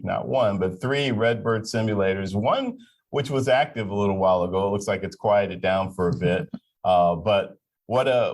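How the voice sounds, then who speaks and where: A man hosting a live aviation talk show, introducing guests in a friendly, joking way. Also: lowish voice. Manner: friendly, jokey, stumbling over names. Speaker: host.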